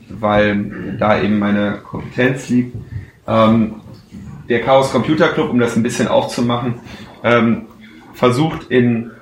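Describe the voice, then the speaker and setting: Hesitant male speaker in an echoey hall. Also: mid-range voice. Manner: hesitant, many fillers, frank. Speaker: speaker answering audience questions. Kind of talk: conference Q&A answers. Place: lecture hall. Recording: echoey hall, faint noise.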